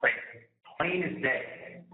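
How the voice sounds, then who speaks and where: A man on a prison phone, talking to his mother in an agitated, indignant way, repeating himself and swearing. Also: slow. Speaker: inmate calling his mother. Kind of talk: phone conversation. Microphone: prison phone handset. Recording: tinny echoey prison phone line.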